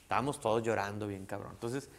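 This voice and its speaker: A man's voice: fairly low pitch, quick pace. Middle-aged Mexican male comic, rambling slangy storyteller, reverb-heavy sound. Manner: slangy, crude, rambling with many restarts. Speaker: guest comedian. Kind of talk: casual storytelling. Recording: long reverb.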